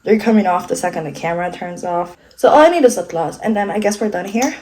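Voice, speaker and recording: A woman's voice: lowish voice, expressive, quick pace, dark tone, slight background noise, rough recording. Rambling, sniffly young woman doing makeup. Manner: self-deprecating, rambling, swears casually. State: congested, sniffling. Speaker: vlogger. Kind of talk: casual get-ready-with-me chat.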